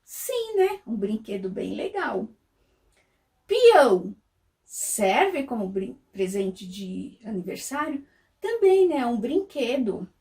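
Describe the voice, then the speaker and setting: Heard from afar, a Brazilian kindergarten teacher uses a fairly high, very animated and warm voice at a slow pace. Her Brazilian Portuguese-accented speech to small children is sing-song, with elongated words and questions she answers herself.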